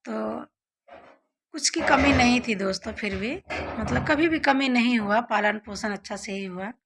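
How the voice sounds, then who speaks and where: A woman's voice: a little high, measured pace, vocal fry, noisy background. A young woman vlogger casually telling childhood stories to her viewers, often calling them friends.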